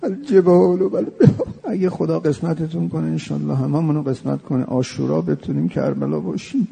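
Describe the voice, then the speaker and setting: Gravelly, dark-voiced preacher man. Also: mid-range voice. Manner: slowly intones Arabic phrases, then explains each in plain conversational speech. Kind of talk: sermon reading a pilgrimage prayer with commentary.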